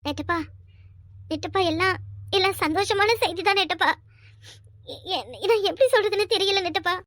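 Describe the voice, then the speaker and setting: A man voicing a timid young woman in a cartoon, speaking softly and hesitantly. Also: very high-pitched, moderate pace, no room sound, studio quality, voice pushed up. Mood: tearful. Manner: hesitant, soft. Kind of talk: cartoon dub voice acting.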